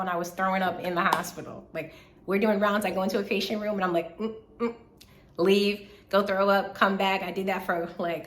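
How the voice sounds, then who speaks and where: A woman in her twenties from the South, a medical student, telling a casual, animated life update in a slightly hoarse voice and repeating phrases for emphasis. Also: medium pitch, reverberant. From Southern United States. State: slightly hoarse from recent illness. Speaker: third-year medical student vlogger.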